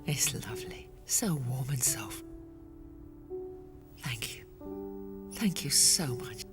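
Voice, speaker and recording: A woman playing a gentle, frail mother with a soft, breathy near-whisper in a video game cutscene. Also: a bass voice, animated, slow pace, over loud music, heavily acted. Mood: tender, grateful.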